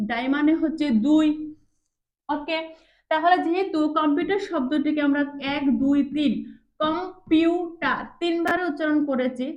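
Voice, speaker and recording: A woman's voice: sits high, dull audio. A woman with a Bengali accent teaching a basic English lesson, drawing out words syllable by syllable and often checking that her pupils follow. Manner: drawn-out, syllable-by-syllable word demonstrations; asks pupils frequent check questions. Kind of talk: classroom lesson.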